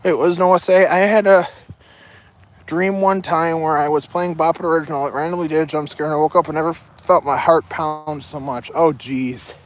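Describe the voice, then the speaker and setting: A livestreamer, a young woman, walks outdoors with a loaded backpack and chats casually with her audience, rambling across topics. Her voice is low and steady in tone, delivered at a moderate pace.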